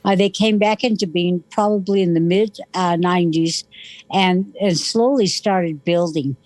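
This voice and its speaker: A woman speaks as a guest on a radio interview, with a lowish voice and a halting delivery full of uhs. The sound is dry and close. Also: darkish tone, dry recording.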